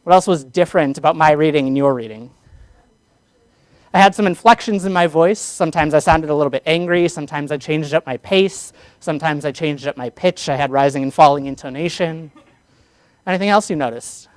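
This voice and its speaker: A man's voice: fairly high pitch, brisk, no room sound. A man teaching a public speaking class, energetically lecturing and asking his students questions.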